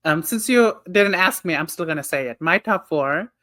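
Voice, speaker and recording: A podcast guest who grew up in Nepal chats casually in a slightly high, animated voice that's bright and forceful at normal speed. He's giggly and teasing, breaking into frequent bursts of laughter.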